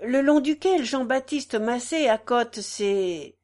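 Woman doing a shrill old peasant woman. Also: expressive, slow, darkish tone. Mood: fussing. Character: fussy old peasant woman pleading in court.

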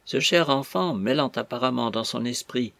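A man reading a classic novel aloud as a measured, expressive audiobook narrator. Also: mid-range voice, vocal fry, dry recording.

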